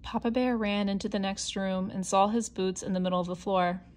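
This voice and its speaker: A woman's voice: medium pitch, steady tone, a little fast, darkish tone. A woman reading a children's picture book aloud as a scripted narration. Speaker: storybook reader.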